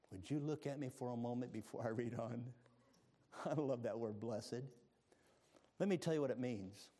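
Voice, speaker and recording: A male preacher giving a sermon, animated and engaging, moving from hushed asides to loud exclamations and calling on the congregation to answer. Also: medium pitch. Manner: calls on the congregation to respond.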